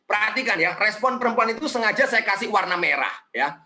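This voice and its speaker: Animated, high-voiced male preacher. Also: fast talker. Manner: animated, questioning, frequent tag "ya". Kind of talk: sermon.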